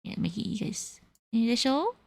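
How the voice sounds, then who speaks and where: Here a young livestream host from California chats with viewers, mixing Japanese and English and laughing a lot. She sounds a little high, very animated, and creaky, at a moderate pace, in studio-quality audio without room sound.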